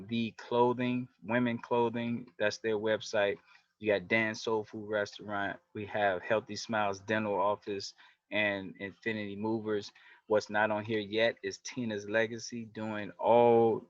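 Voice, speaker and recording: A man's voice: fairly low pitch, no room sound, lo-fi sound. A man, leading a community group and earnestly walking viewers through web pages on a livestream. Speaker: community organization leader. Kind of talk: livestream presentation.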